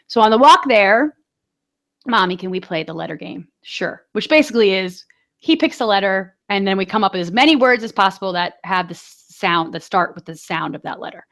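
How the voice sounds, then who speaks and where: A woman's voice: mid-range voice, a little fast, a bit bright. A woman in her forties chatting casually as a podcast co-host, telling stories full of fillers and light laughter. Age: 40s. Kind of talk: casual chat.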